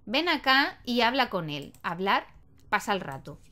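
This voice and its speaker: A young woman talks through a life-simulation game in a loose, chatty way. She scolds and coos at the characters like a doting mother. Her voice sits a little high. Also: sing-song, unhurried, bright, forceful tone. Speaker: gaming video host. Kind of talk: casual Let's Play commentary.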